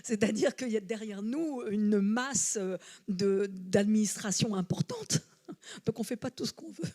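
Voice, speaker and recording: A woman's voice: medium pitch, expressive, measured pace, dark tone. A woman who is a local elected official, answering questions at a public meeting with a hesitant, explanatory manner.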